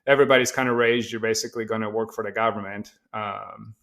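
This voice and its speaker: Middle-aged man from Poland, guest on an interview; low, even delivery, hesitant and relaxed. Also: quick pace, creaky. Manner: relaxed, hesitant with many fillers. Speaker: guest, tech company founder. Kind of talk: casual interview conversation.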